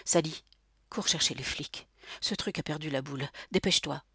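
A woman's voice: low voice, moderate pace, a bit bright, husky, dry recording, clean studio sound, full character voice. A woman voicing a helpless husband with a thick voice who grows coldly angry. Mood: harried, angry.

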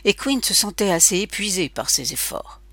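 A woman narrating a literary audiobook in a measured, even storytelling manner on a close microphone. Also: medium pitch, no echo.

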